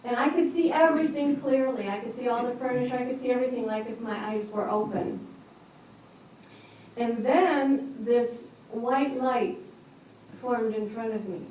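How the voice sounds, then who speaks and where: A woman giving a personal storytelling talk at a retreat, animated and acting out what others said. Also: a little high, normal speed. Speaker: speaker at a yoga retreat. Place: large echoey retreat hall. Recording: echoey hall from far off, faint hiss.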